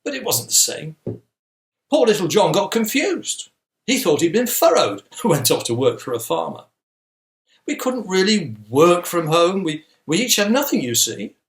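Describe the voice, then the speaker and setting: In an echoey room, a man plays a merry pantomime outlaw. The voice is fairly high and animated. He is jovial and coyly evasive. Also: a little slow, heavily acted. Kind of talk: comic monologue in a family pantomime.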